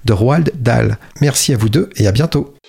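A man hosting a show and introducing its segments in a brisk, announcing way. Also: mid-range voice, gravelly, noisy background. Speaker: radio show host. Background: music.

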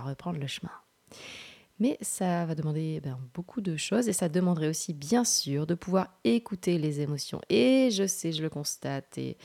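A woman's voice: sits low, dark tone. A woman hosting a parenting show, giving earnest advice full of rhetorical questions and then reading a picture book aloud.

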